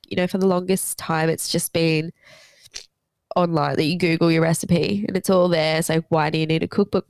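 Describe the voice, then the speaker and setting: A woman's voice: fairly low pitch, no room sound. A woman podcast co-host chatting casually and reflectively, sounding congested with a head cold and a blocked nose. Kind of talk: casual chat.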